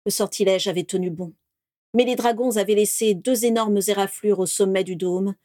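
A woman narrating a fantasy story in a steady, expressive reading voice. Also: mid-range voice, dry recording, clean studio sound. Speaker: audiobook narrator. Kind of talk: scripted narration.

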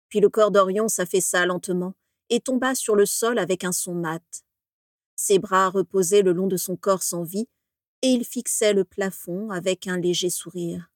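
A woman reads a story aloud with measured, dramatic pacing. Her voice sits at a middle pitch and is recorded dry and close, with no room sound. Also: no echo. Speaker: narrator. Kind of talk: scripted narration of a story.

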